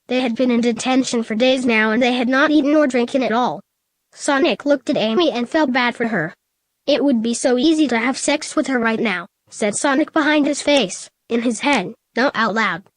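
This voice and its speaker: Woman reading fan fiction aloud, fairly high voice, steady plain delivery, dry close sound. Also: no echo.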